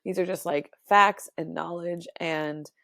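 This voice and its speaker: A woman with a lowish, gravelly voice hosts a casual podcast monologue. She retells a story with sarcasm and animation, scattering fillers and little laughs. The sound is close and dry. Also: steady tone, a little slow, bright, forceful tone, no room sound. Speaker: podcast host.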